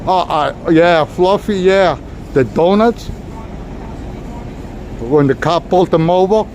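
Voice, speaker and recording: Walking down a crowded city street, a man speaks slowly in a high voice with a darkish tone, casually rambling and chatting straight to his viewers as he tours. Street traffic hums throughout the noisy recording.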